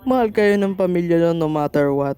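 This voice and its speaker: Man acting a mellow, gentle cartoon doctor. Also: fairly high pitch, a little fast, clean tone, close to an everyday voice. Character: adult doctor, gentle and reassuring to children. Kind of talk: amateur cartoon dub.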